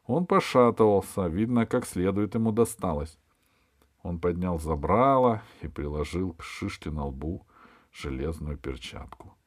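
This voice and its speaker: A man narrating a children's adventure audiobook in a lively storytelling read. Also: sits low, unhurried, no room sound, clean studio sound. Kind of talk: scripted narration.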